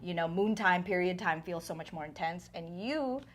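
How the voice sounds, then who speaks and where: A woman's voice: fairly low pitch, expressive, normal speed, slight background noise. A woman in her thirties hosting a casual interview, asking questions in a playful, chatty way. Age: 30s. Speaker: host.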